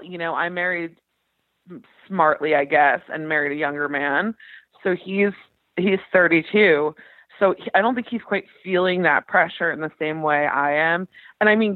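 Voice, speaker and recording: Over a thin, tinny phone call comes a low female voice with no echo: a woman in her thirties in the education field, asking for advice. She is candid and talkative, often joking at her own expense.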